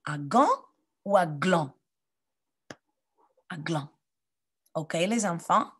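A woman teaching a phonics lesson to children, saying sounds and words clearly and pausing for them to repeat. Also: fairly low pitch, expressive, a bit bright.

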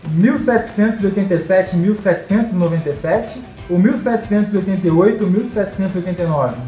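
A woman's voice: fairly low pitch, fast, mellow. A Brazilian woman hosting a quiz, reading out questions and answer options. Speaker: quiz host. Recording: echoey, light music behind.

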